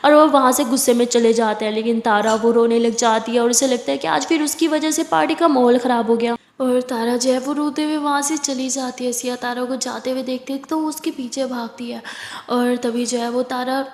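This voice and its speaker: A woman's voice: on the high side, fairly even intonation, brisk. A woman narrating a love story in a casual, conversational retelling. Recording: roomy echo, long reverb.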